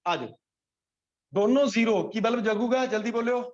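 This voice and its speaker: High-voiced Punjabi man teaching physics. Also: normal speed, a little mellow. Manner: quizzes students by name, repeats points. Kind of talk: classroom lecture. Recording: dull lo-fi classroom recording.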